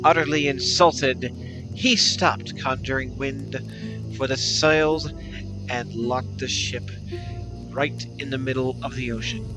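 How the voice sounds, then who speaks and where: A man putting on a grand epic-announcer voice to narrate a pirate legend like a storybook, slow and theatrical. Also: medium pitch, steady tone. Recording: clear music behind the voice.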